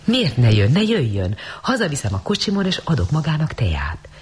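A man's voice: fairly high pitch, wildly swooping pitch, slight background noise, pitched above the performer's own voice. A man putting on a gushing rich young lady. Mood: eager coaxing. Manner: bright, coaxing, enthusiastic. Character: wealthy young woman, eager and gushing. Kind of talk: audiobook story reading.

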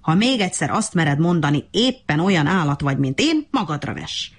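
A woman's voice: sits low, big pitch swings, slightly rough, exaggerated voice. A woman voicing a boastful, arrogant male monkey in a storybook reading, mocking and bossy.

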